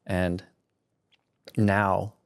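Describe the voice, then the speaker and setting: A man in his thirties, guesting on an interview as a content creator, talks extremely slowly with a low, flat, clean-toned voice touched by vocal fry. His casual speech rambles and restarts, punctuated by frequent laughter, on a studio mic with headphones.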